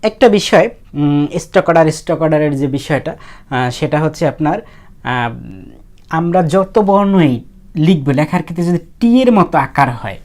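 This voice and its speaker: Low-voiced woman teaching handwriting. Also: expressive, normal speed, long pauses, darkish tone. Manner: casual and conversational, thinks aloud with fillers. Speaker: language teacher. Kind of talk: explaining how to write characters.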